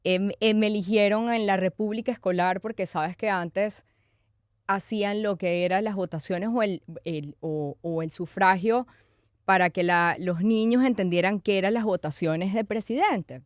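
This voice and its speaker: Woman with a smooth, clear voice. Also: mid-range voice, normal speed, no room sound, studio quality. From Venezuela. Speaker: guest, author and speaker. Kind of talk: conversational interview.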